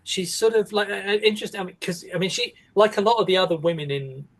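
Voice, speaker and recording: Husky man, rambling film chat. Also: high-pitched, quick pace. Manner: rambling, self-interrupting, wry. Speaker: podcast co-host. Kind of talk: casual film discussion.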